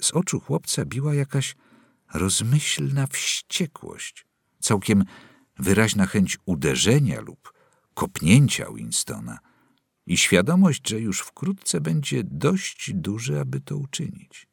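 A man narrating a novel aloud in a dramatic, expressive reading. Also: on the low side, slow pace, vocal fry, slightly rough, no echo, clean studio sound. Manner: dramatic, wide-ranging delivery. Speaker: audiobook narrator.

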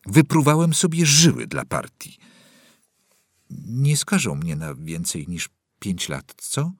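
A man voicing a frightened middle-aged prisoner who pleads loudly and sanctimoniously, close to tears. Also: lowish voice, sing-song, takes it slowly, no room sound, exaggerated voice. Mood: pleading. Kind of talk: audiobook character voice.

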